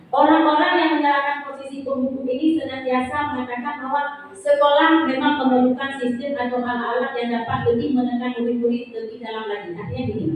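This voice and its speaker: A woman's voice: sits high, darkish tone. Woman presenting in a roomy hall. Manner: explanatory, frequent tag "ya", acts out teacher phrases. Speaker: teacher presenting to colleagues. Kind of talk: workshop presentation. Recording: roomy hall, far from mic, faint noise.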